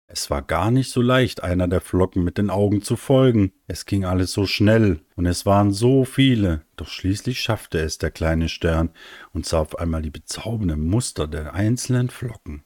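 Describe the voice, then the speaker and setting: A man with a deep, low voice reads a children's bedtime story in a gentle, soothing manner, letting phrases fade softly. The recording is close and dry with no room sound. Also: dry recording.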